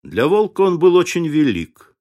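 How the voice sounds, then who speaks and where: A man narrating a classic adventure novel in a measured, expressive audiobook reading. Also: fairly high pitch. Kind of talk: scripted literary narration.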